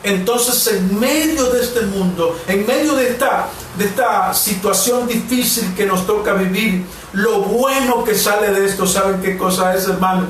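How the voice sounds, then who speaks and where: Mexican pastor in his 40s preaching slow, high voice, really echoey room, mic kinda far off. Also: a bit bright. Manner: earnest preaching with slow, emphatic repetitions. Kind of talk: sermon and prayer. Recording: very echoey room, distant mic, faint hiss.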